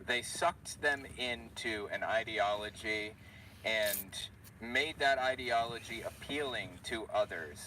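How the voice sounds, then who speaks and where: A man's voice: fairly low pitch, slow, pushed and bright, far from the mic, slight background noise, rough recording. A man giving casual, conversational commentary, explaining his point.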